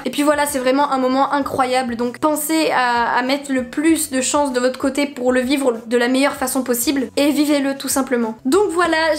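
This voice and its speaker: A young woman giving casual vlog advice, chatty and animated, telling stories with laughs and exaggeration. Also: high voice. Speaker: vlogger.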